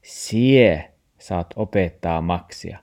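A man voicing a patient, stubborn old grandfather in a storybook reading, with a Tornedalian Meänkieli accent and calm insistence. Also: sits low. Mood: coaxing.

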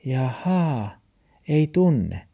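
A man voicing a gruff, grumpy dachshund in a storybook reading, with a Tornedalian Meänkieli accent and snappy retorts. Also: sing-song, dull audio. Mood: puzzled. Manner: snappy, high yapping retorts.

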